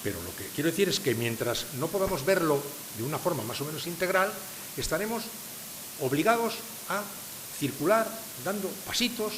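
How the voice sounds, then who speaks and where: An older man from San Sebastián, Spain, with a slightly high, expressive voice, lectures a live audience at normal speed. He asks rhetorical questions and presses his points, recorded in an echoey hall with faint hiss.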